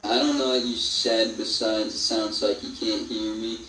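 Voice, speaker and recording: A man's voice: fairly low pitch, little pitch movement, moderate pace, pushed and bright. A young man in casual podcast chat among friends, rambling and swearing now and then, his voice muffled and far off as if through a wall. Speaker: podcast co-host. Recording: roomy echo, distant mic, faint hiss.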